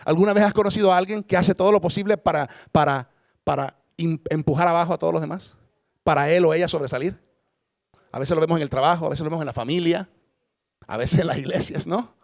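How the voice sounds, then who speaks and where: A man's voice: fast talker, creaky, dry recording. Man, pastor, sermon, emphatic, rhetorical questions, dry sound. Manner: emphatic, dramatic swings in pitch and loudness, rhetorical questions.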